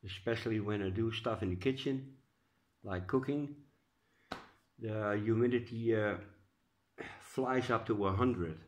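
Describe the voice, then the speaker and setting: An orchid-growing vlogger from the Netherlands gives a casual update from inside his home. He has a fairly low voice and a Dutch accent, and he sounds a bit stuffy and congested. He speaks unhurriedly, pausing often and hesitating with lots of uh's.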